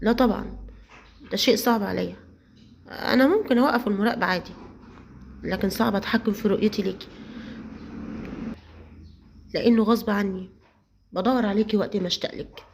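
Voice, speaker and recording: A woman's voice: medium pitch, fast talker, gravelly, pauses often, a little hiss or hum, close to an everyday voice. A woman voicing a suspicious young agent. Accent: Egyptian Arabic. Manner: probing, insistent. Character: suspicious young man, intelligence officer. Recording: slightly muffled lo-fi audio.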